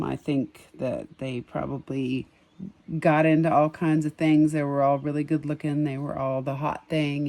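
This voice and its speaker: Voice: medium pitch, a little mellow. Vlogger musing over a drawing outdoors in the evening, unscripted, rambling with frequent ums and small chuckles. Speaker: sketch artist and empathic reader. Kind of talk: casual commentary on a drawing.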